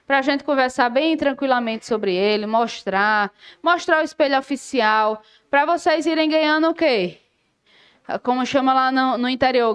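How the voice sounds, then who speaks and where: A woman with a high, bright voice gives a law lesson for exam prep. She is lively and keeps questioning her students, then answers the questions herself. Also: clear, resonant tone. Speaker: law teacher.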